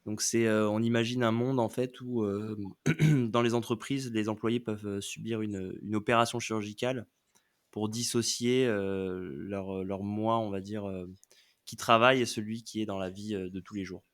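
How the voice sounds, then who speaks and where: Low-voiced guy on a podcast, hesitant, lots of ums. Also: fairly even intonation, moderate pace. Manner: hesitant, many fillers. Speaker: guest. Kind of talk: casual chat.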